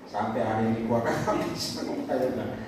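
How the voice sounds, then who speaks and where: A male evangelist preaching a sermon, animated, swinging from loud calls to quiet asides and joking with the congregation. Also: normal speed, noisy background. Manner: animated, shifts from loud exhortation to low asides, jokes with the congregation. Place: large hall with audience. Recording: echoey hall from far off.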